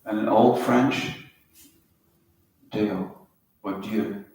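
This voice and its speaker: A man's voice: lowish voice, fairly even intonation, extremely slow, a little mellow. A middle-aged man from Wales, giving a spiritual talk to a small group, telling stories and tracing words step by step. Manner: storytelling, anecdotal, explains words step by step. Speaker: spiritual teacher. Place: yoga center hall. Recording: roomy hall, mic at a distance, faint hiss.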